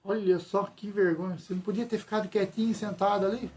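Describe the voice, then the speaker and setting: A man's voice: steady tone, quick pace, darkish tone, slight background noise, close to an everyday voice. A man putting on the scornful, mocking voice of a tempting demon that whispers shame at him. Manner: mocking, needling, higher-pitched. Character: taunting male demon voice, scornful.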